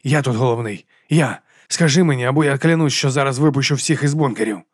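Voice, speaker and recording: A man voicing a desperate, hoarse man who accuses and pleads with his old mentor in an audiobook. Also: mid-range voice, fast talker, dry recording, studio quality, natural voice. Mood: demanding. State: hoarse, burning throat. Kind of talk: audiobook character voice.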